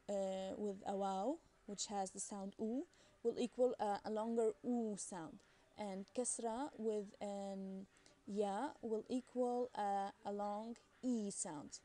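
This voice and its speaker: A woman talks through a beginner's language lesson. Her voice is mellow and warm, and she explains patiently. She often pauses on fillers and restarts her sentences. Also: medium pitch. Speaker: Arabic language teacher. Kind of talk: casual recorded lesson.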